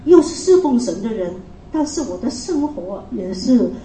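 A woman giving a halting, emotional personal faith testimony, with frequent restarts. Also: fairly high pitch, very animated, mellow. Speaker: testimony speaker. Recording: echoey room, mic far off, faint hiss.

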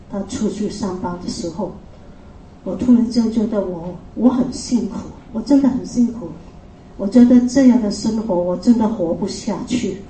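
Woman, faith testimony, halting and emotional, mellow tone, echoey room, far from mic. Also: medium pitch, a little hiss or hum. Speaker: testimony speaker.

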